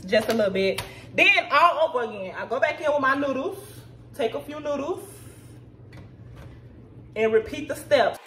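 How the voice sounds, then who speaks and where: A woman's voice: sits high, expressive, moderate pace, pauses often, a bit bright. Woman, tipsy, chatty cooking walkthrough, home kitchen, distant camera mic, noticeable room noise. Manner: chatty, talks to viewers as "y'all". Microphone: camera set back at counter.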